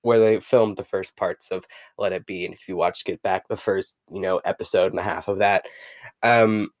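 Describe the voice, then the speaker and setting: A man's voice: low-pitched, steady tone, moderate pace, no echo. Man, young adult, podcast host, rambling casual talk, reads from a book, deadened dry sound. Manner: rambling, many fillers, reads passages from a book. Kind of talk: casual solo podcast about an album.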